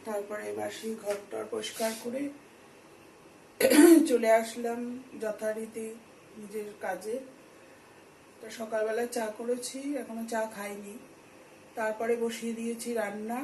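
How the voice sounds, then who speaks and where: A woman chatting to her viewers while cooking at home, speaking softly at times. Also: on the high side, roomy sound, slight background noise, poor audio. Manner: speaks softly so as not to wake the household. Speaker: vlogger. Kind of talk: casual home vlog narration. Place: home kitchen.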